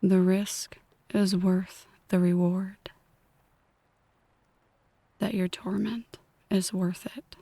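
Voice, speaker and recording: In an ASMR roleplay, a woman plays a possessive, brooding mafia boss, whispering breathily, deliberately and intimately to one listener. Her medium-pitched voice is level and mellow with no echo, and the mood is bitter and brooding.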